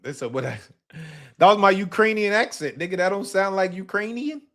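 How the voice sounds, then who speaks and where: This man hosts a live boxing talk stream, talking briskly in a high voice with lively intonation. He's casual and emphatic, repeating what he says, cursing, and bursting into shouts.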